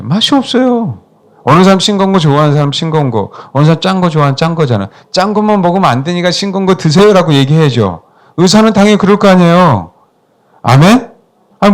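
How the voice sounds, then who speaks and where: A middle-aged male pastor preaching a sermon, pressing the congregation with emphatic questions and calls for amens. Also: on the high side.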